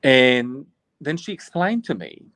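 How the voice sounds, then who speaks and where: A man of about forty speaks earnestly as a priest, circling back and restarting his thoughts. His voice sits at an ordinary middle pitch. The sound is close and dry, with no room around it. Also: very animated, takes it slowly, a bit bright, no echo. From Bosnia. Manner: earnest and reflective, frequent restarts. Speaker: Orthodox priest, guest. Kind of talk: personal storytelling in interview.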